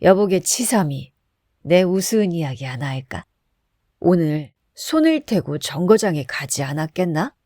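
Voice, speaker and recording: A woman voicing a drunk, coarse middle-aged man who shouts boastful curses. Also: fairly low pitch, big pitch swings, a little slow, dry recording, clean studio sound.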